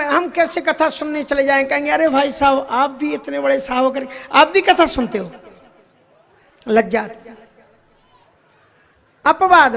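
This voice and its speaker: High-voiced man preaching a devotional sermon. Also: bright, forceful tone. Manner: storytelling with anecdotes and chuckles, slips into English.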